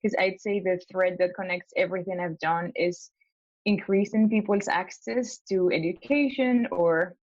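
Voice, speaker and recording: A woman's voice: mid-range voice, a little mellow, no room sound, muffled recording. A young woman from Spain, a law school applicant, talking hesitantly with many fillers in a casual coaching call. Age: young adult.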